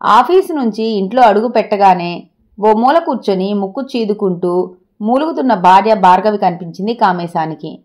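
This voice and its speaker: A woman's voice: mid-range voice, animated, moderate pace, a little mellow. A woman hosting a storytelling channel, narrating a short story and speaking directly to her listeners in a friendly way.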